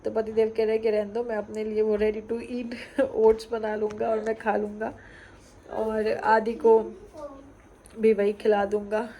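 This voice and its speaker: A woman's voice: on the high side, dark tone, a little hiss or hum. A young woman with a cold and sore throat, chatting casually to camera as a vlogger at home at night. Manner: chatty, fond mother talking to camera. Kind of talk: casual home vlog chat.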